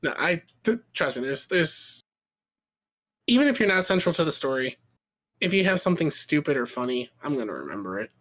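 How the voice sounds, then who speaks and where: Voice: medium pitch, sing-song, fairly quick, a bit bright. A podcast co-host trading wry jokes in casual chat. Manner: jokey, wry quips.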